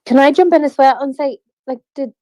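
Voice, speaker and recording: A woman hosting a casual chat on a video call, chatty and quick to laugh. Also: sits high, dark tone, no echo, rough recording. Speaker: host.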